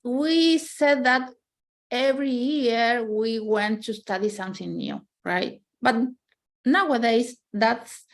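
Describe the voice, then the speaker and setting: Speaking slowly in a fairly high voice with vocal fry, a thirtysomething woman from Argentina, a software engineer appearing as a guest, offers earnest career advice in a relaxed conversation. Her English, a second language, carries an Argentine Spanish accent, and she keeps asking "right?".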